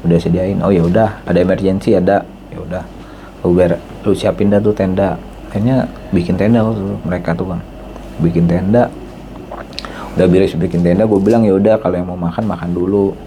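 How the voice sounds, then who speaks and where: A man tells a story in a loose, casual podcast chat. He acts out the dialogue lively, jumping up in pitch for the quoted voices. His tone is dark and mellow, with a faint hiss of noise behind. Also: brisk.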